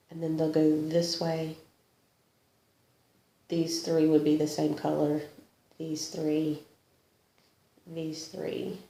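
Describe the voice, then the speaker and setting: In an echoey room, a woman fighting a slight cold talks casually through her cross-stitch pieces, self-deprecating and quick to laugh. Her voice is gravelly and pitched fairly low, and she sniffles as she goes.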